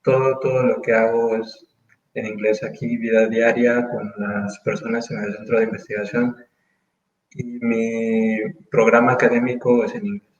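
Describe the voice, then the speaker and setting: A Mexican man in his thirties, appearing as a guest in a relaxed interview, talks thoughtfully and hesitantly, with lots of pauses, fillers, and restarts. His mid-range voice stays level in tone. The recording is reverberant and lo-fi, with a slight hiss or hum.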